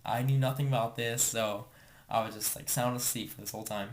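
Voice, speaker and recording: A man's voice: mid-range voice, fairly even intonation, a little fast, slight background noise. A young man casually telling a story to the camera, rambling and filling his talk with "like.". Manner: rambling, filler-heavy with constant "like".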